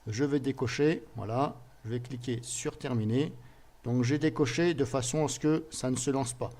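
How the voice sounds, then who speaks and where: A man's voice: medium pitch, a little mellow. A man walks viewers through a computer program on screen, talking casually as he clicks. He hesitates and restarts often and keeps dropping in little filler words between steps. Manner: casual, fills pauses with "voilà" and "hop"; thinks aloud, restarts and hesitates. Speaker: software tutorial presenter. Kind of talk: screen-recorded software tutorial.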